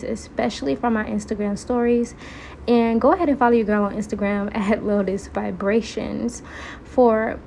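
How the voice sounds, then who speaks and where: Chatty woman with a mellow voice. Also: on the high side, slight background noise. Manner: chatty, talks straight to viewers with playful asides. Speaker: recipe vlogger. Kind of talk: casual recipe narration.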